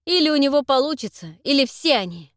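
A cold man barks orders in a raised, loud voice with steely, pitiless authority, as a woman reading the audiobook puts him on. The recording is dry and close. He does not soften. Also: sits high, very animated, fairly quick, no echo, voice pushed up. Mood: stern command. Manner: harsh, commanding.

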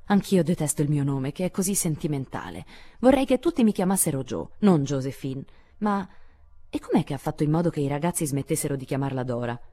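A woman reading aloud and voicing a lively, outspoken tomboyish teenage girl, speaking in an eager, exclamatory way. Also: deep voice, fairly quick. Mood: chatty.

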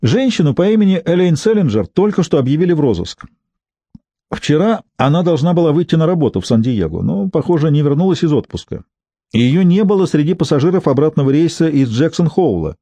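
A man's voice: on the high side, sing-song, a little fast, mellow, no room sound, voice pushed up. A man voicing a businesslike male detective calling in an audiobook, matter-of-fact and briefing.

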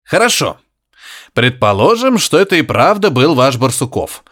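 A man's voice: mid-range voice, sing-song, a bit bright, dry recording, clean studio sound. A man doing a pondering middle-aged scholar. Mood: thoughtful. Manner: measured, pondering. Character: thoughtful middle-aged male scholar, a father.

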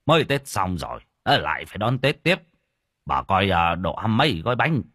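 A man plays an old farmer husband, gentle and easily moved. His voice is low and husky, and he stumbles over his words. It is recorded close and dry. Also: very animated, no echo, heavily acted. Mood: plain. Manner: halting, choked speech.

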